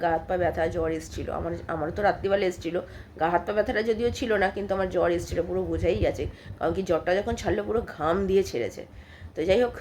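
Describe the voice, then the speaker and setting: A woman's voice: lowish voice, darkish tone, slight background noise. A woman in her thirties with a cold, chatting in a rambling, homely way as she vlogs her day at home. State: coughing, with a cold. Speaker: vlogger. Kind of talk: casual daily vlog narration.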